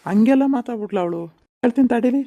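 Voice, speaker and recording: Woman putting on a gruff son's voice. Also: on the high side, fast talker, mellow, pitched below the performer's own voice, natural voice. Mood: blustering. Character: bewildered grown son caught between wife and mother.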